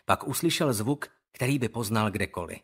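A man reading an audiobook in calm, measured scripted narration. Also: fairly low pitch, husky.

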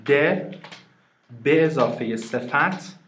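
A man's voice: fairly high pitch, expressive, a bit bright, soft background music. A man teaching an online reading lesson, patiently explaining grammar and asking his students questions. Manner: patient, asks questions and answers them himself. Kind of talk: online private lesson, explaining in Persian with English examples. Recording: echoey room.

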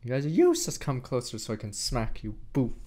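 A young man streaming a video game, reading its dialogue aloud and reacting in a brash, profane and excitable way while mocking his chat. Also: medium pitch, a little fast. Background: faint game music.

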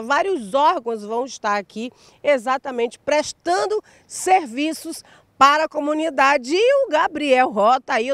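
High-voiced and dry with no room sound, a Brazilian woman in her thirties delivers an upbeat live TV field report into a handheld mic. She's out in a sunny public square, drawing out key words for emphasis in her Brazilian Portuguese accent.

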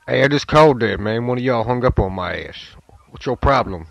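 A man's voice: medium pitch, animated, brisk, creaky, dry recording, highs cut off. A man playing a brash, profane prank caller who swears and demands apologies. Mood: belligerent.

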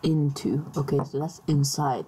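A woman's voice: low-pitched, moderate pace, warm tone, slightly rough. A woman vlogger musing aloud in casual chat, hesitant, with many restarts.

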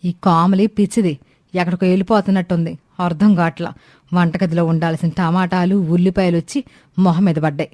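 A woman voicing a bossy, sharp-tongued older mother-in-law in a cartoon story, grumbling and scolding. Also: on the low side, fairly even intonation, a little fast, no echo, clean studio sound, lightly acted.

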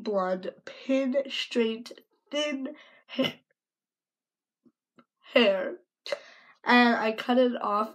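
A woman's voice: medium pitch, poor audio. A woman vlogger chatting casually and giggling between bites as she eats on camera. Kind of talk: casual vlog chat while eating.

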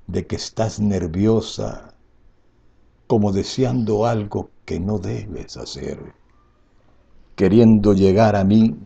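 An elderly man recites verse as grand declamation. His voice is low, dark and husky. He lets each phrase swell dramatically and then sink into a soft close. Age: 70s. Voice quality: husky, gravelly. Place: indoor room at home.

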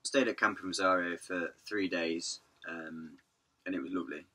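A hoarse man, telling his vanlife story in a rambling, chatty way. He says he is losing his voice. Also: low voice, steady tone, normal speed, bright, forceful tone. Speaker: vanlife vlogger. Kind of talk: casual vlog narration.

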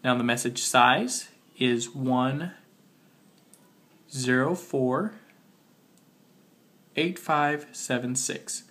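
A man's voice: medium pitch, pushed and bright. Slightly muffled man, sick, giving a tutorial. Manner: talking while working on a phone, spelling things out slowly. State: sick with a cold. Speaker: tutorial host. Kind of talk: casual step-by-step phone tutorial.

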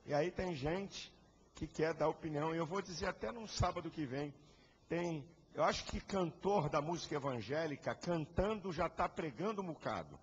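Husky, high-pitched man preaching fiercely. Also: animated, normal speed. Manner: fiery, combative preaching with rhetorical questions. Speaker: pastor. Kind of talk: sermon. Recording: echoey hall, dull lo-fi sound.

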